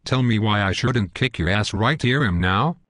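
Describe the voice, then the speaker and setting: A man's voice: lowish voice, lively intonation, normal speed, heavy background noise, natural voice. A synthetic male voice playing a smug, belligerent parody news anchor in a scripted cartoon newscast, stiff and pompous. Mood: accusing.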